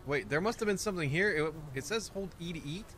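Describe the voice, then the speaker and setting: Brief: young male gaming host, jokey, reactive, slightly raised pitch. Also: fast talker, a little hiss or hum. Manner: excitable, jokey, exclaims often. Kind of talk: let's play commentary.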